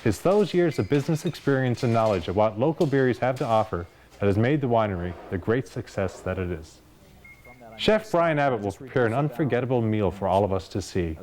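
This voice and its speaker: A man's voice: mid-range voice, expressive, fairly quick, darkish tone, slight background noise. A man hosting a television program, reading a scripted preview of the next episode. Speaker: show host. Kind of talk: scripted narration.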